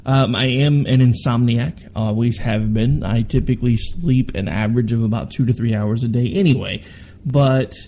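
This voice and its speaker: A man in his forties from Oklahoma, United States, hosts a political talk radio show, worn out from overwork. He talks candidly and ramblingly, with asides and self-corrections, in a mid-range voice with a dark tone.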